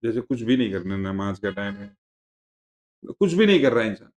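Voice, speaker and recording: Man teaching a relaxed religious lesson. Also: lowish voice, a little fast. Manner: conversational, digressive, explaining terms with repetition. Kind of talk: classroom lesson.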